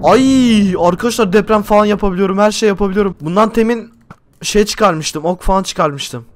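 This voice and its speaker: A young man hosting a Minecraft role-play, talking to viewers and often shouting excitedly. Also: high-pitched, moderate pace, slight background noise. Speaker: YouTuber host.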